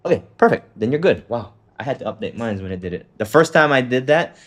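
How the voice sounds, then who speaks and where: Talking fast and expressively in a mid-range voice, a man coaches a student through a trading setup over a call. His casual walkthrough is loose, full of fillers, with an occasional swear word.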